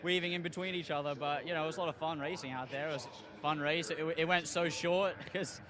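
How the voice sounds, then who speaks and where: A young male racing driver talking in a relaxed way in a post-race interview. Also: on the high side, fast talker, a crowd in the background. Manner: relaxed, laughs lightly.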